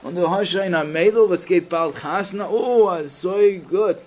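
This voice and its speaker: A man's voice: high voice, measured pace, a little mellow. A man voicing a friendly, chatty male secretary who rambles with teasing questions in a children's story. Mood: warm greeting.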